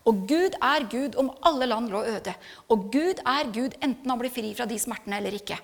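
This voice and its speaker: A woman's voice: fairly high pitch, expressive. A middle-aged woman giving an earnest, reflective personal testimony in a sermon, hesitating with fillers, then building to emphatic passages. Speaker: speaker giving a church testimony. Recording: long hall reverb.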